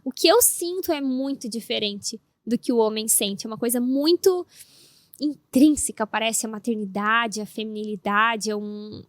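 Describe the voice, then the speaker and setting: A woman on a podcast, a mother of a baby, telling stories in a lively, animated way as co-host. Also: on the high side, moderate pace, dry recording. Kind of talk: casual podcast chat.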